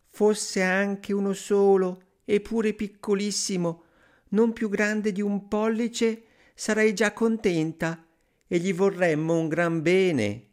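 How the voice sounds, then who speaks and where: A man voicing a poor farmer's wife who longs for a child, speaking soft and sighing in a storybook reading. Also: high voice, flat delivery, takes it slowly, voice pushed up. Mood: wistful.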